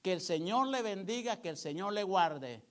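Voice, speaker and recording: A man's voice: high-pitched, expressive, normal speed, a bit bright. An older man, a pastor, preaching a sermon from a church pulpit, speaking earnestly and rising to emphatic calls to his congregation.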